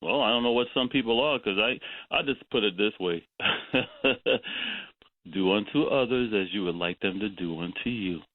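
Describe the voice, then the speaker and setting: A radio talk show caller speaks emphatically, wandering off on tangents and chuckling between his points. His voice is on the low side and a little slow, with no echo, heard over a tinny phone line.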